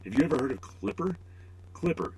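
Middle-aged guy rambling on his own podcast, low voice, cracks jokes at himself, faint room hum behind. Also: animated, moderate pace, poor audio. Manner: rambling and self-deprecating, joking asides. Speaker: podcast host. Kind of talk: casual solo podcast monologue.

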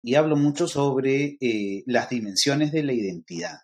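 A man's voice: mid-range voice, measured pace, a little mellow. Middle-aged man, Lima Peruvian accent, podcast guest, lecturing, filler-heavy. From Peru. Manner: lecturing, many fillers like "este" and "eh". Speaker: guest expert on interculturality. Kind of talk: explanatory podcast conversation.

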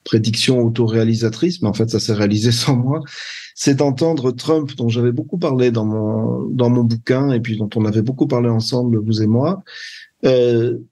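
A man's voice: medium pitch, normal speed, dark tone. An older man, a translator being interviewed, talking hesitantly and searching for his words. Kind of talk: conversational interview.

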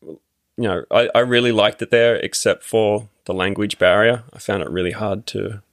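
Hesitant Australian man, low voice. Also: steady tone, normal speed, no room sound, clean studio sound. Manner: hesitant, many ums and restarts. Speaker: podcast guest. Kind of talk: casual interview chat.

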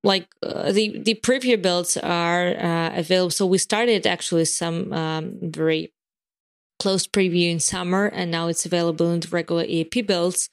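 A woman's voice: lowish voice, steady tone, normal speed. A woman giving product updates in a casual podcast chat, explaining in long runs with frequent fillers and restarts. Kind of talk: casual podcast chat about developer tools.

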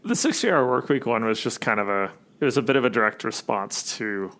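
A man's voice: mid-range voice, lively intonation, fairly quick, fairly bright tone. A man who runs an agency, answering interview questions in a casual, reflective way with many fillers. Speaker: agency CEO, guest.

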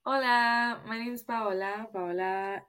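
Bubbly bright-voiced woman from Puerto Rico. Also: fairly high pitch, steady tone, a little slow, clear, resonant tone. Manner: bubbly, laughs easily. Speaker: podcast guest. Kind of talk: casual podcast interview.

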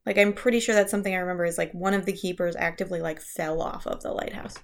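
A young woman co-hosts a podcast, chatting quickly through ghost stories in a lowish voice with fairly even intonation. She's chatty, full of fillers, restarts and self-corrections, and laughs at herself.

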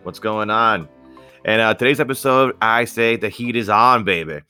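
A man's voice: fairly low pitch, normal speed, pushed and bright, smooth, faint music behind. A young man hosting a casual podcast chat in a joking, laid-back way. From United States. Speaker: podcast host.

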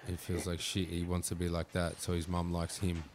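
A man's voice: deep voice, monotone, moderate pace. A man chatting casually about films as a podcast co-host, sweary and slangy. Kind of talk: casual film chat. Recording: clearly noisy background ambience.

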